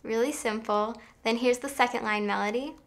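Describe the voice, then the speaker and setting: A woman's voice: on the high side, fairly even intonation, moderate pace. A young woman teaching songwriting in an upbeat, explanatory way, now and then singing short demonstration phrases. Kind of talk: online songwriting lesson.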